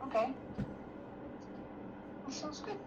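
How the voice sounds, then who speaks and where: A woman taking part in a casual group Bible study, agreeable and quick to affirm what others say. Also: sits high, animated, highs cut off. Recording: noisy recording.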